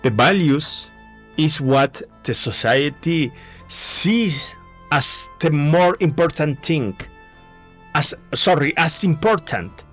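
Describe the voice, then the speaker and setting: Slow, halting Spanish-accented man. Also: a little high, animated, fairly bright tone. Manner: halting, many fillers and restarts. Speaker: video essayist. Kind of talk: casual monologue. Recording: dull lo-fi mic with faint music.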